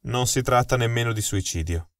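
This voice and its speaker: A man voicing a calm, amused detective in an audiobook mystery, unruffled and dryly chuckling. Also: mid-range voice, normal speed, dry recording, close to an everyday voice. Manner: unflappable, dry chuckle. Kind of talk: audiobook dialogue.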